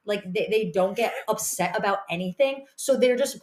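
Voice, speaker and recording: A woman's voice: mid-range voice, moderate pace, roomy sound. A woman co-hosting a podcast in casual chat, blunt and laughing often, swearing freely. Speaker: podcast co-host.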